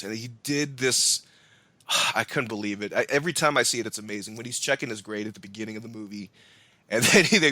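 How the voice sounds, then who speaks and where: A man co-hosting a podcast, talking about films in an animated way, laughing and swearing now and then. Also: lowish voice, no room sound. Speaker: podcast co-host. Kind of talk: casual film discussion.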